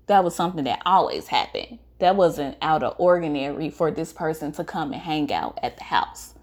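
A young adult woman telling a painful personal story straight to her viewers, earnest and emotional, halting and restarting as she speaks. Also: low-pitched, expressive, a little mellow. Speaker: vlogger. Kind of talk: personal testimony to camera.

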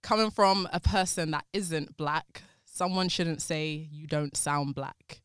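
Well-spoken London woman, very clear voice. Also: deep voice, slow, fairly bright tone, dry recording, clean studio sound. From North London, England. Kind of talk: casual group discussion.

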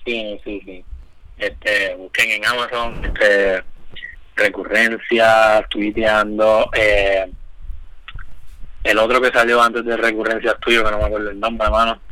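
Male co-host, relaxed slangy chatter, low even voice. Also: slow, low-quality recording. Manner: laid-back, loose slang, many fillers. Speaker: podcast co-host. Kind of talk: casual chat.

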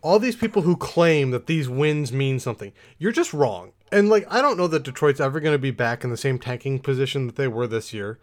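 A man's voice: medium pitch, lively intonation, brisk, hardly any pauses. A man co-hosting a podcast in casual chat, ranting in an exasperated, emphatic way, a little tipsy. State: tipsy from drinking. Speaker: podcast co-host.

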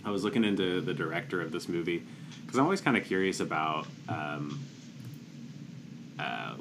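Very low-voiced hesitant young man. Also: very animated, normal speed, noisy background. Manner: hesitant, stumbling restarts, apologetic. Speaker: podcast co-host. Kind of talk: casual chat about a movie.

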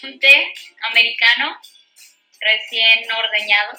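High bright woman cohost, lighthearted, echoey room. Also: takes it slowly, soft background music. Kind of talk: casual chat.

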